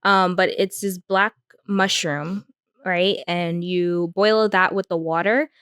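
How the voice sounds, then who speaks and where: A woman's voice: fairly low pitch, fairly even intonation, slow, fairly bright tone, clean tone, no echo. A young woman co-hosting a podcast, chatting casually with lots of filler words. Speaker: podcast co-host. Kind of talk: casual chat.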